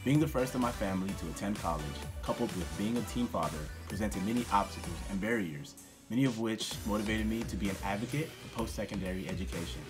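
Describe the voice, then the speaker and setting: A man's voice: fairly low pitch, quick pace, over music. A young man, a community college student, giving a formal and earnest thank-you as a scholarship recipient. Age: young adult. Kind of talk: prepared thank-you statement.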